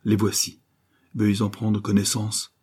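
A man's voice: on the low side, moderate pace, darkish tone, breathy edge. A man voicing a naive young private detective who is pompous and easily flustered. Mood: indignant. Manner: stammering, pompous then panicky.

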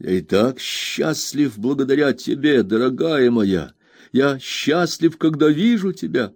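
A man voicing a tender young fisherman who softly consoles his beloved. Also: mid-range voice, expressive, unhurried, no room sound, studio quality, voice pushed up.

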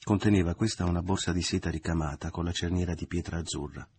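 Man reading a novel out loud, deep raspy voice, steady audiobook pace. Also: no echo. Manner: measured literary reading. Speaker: narrator.

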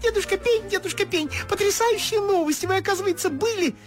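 A woman voicing a cheerful, excitable little female tit bird who chatters fast and squeaky. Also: music in the background. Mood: excited.

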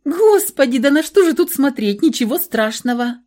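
Audiobook: a shrill, hot-tempered young heroine, read by a woman, high, swinging, loud delivery. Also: sing-song, normal speed. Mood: desperate. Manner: shrill, outbursts of hysterics. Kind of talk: audiobook role reading.

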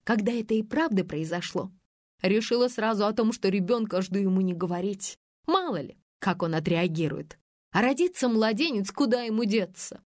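A woman reading an audiobook, voicing a brash, spiteful, scheming woman with a shrill, mocking manner. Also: animated, normal speed, a little mellow, dry recording, clean studio sound, close to an everyday voice. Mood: bitter confession. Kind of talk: audiobook character voice.

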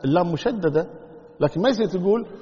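A man's voice: sits high, animated, fast talker, warm tone. A man teaching the rules of Quran recitation, repeating key words and sounding out examples. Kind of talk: tajweed lesson explaining rules. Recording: lo-fi recording with long hall echo.

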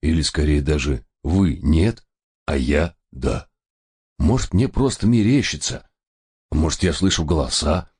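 A man voicing a dim-witted, easily frightened man who drags his words out in a hoarse, whimpering mumble. His voice sits deep and low, and it sinks softer whenever panic sets in. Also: expressive, unhurried, exaggerated voice. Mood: whiny. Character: jittery dim-witted man, fearful and whiny.

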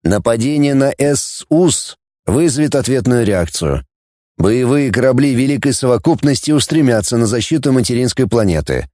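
A man playing a scheming, commanding male supreme coordinator who lays out a plan in a brisk, businesslike way. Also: mid-range voice, expressive, mellow, dry recording, studio quality, lightly acted.

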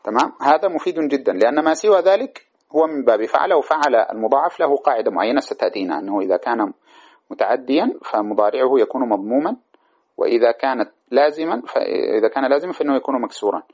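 A man with a husky, breathy voice teaches classical grammar in a lecture, patient and methodical, stopping often to ask if it is clear. His speaking pitch sits in an ordinary middle range. The recording is dull and lo-fi. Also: lively intonation, fast talker, a little mellow. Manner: patient explainer with frequent check-in questions.

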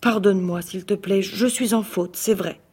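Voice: medium pitch, fairly even intonation, normal speed, a little mellow, breathy edge, lightly acted. A reader voicing an earnest young prince in a fairy tale, pleading and apologetic. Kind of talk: read-aloud fairy tale.

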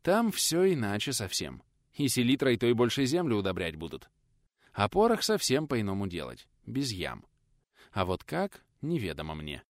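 A man voicing an older retired male schoolteacher, stubborn and quick to fly into a shouting rage. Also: wildly swooping pitch, dry recording, studio quality. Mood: calm. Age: 60s. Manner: shouting indignantly, high and strained.

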